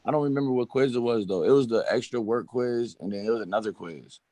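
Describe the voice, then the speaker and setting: A man's voice: medium pitch, fast, warm tone, dry recording. Polite man student with a dry sound. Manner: polite and easygoing. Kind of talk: casual talk with teacher.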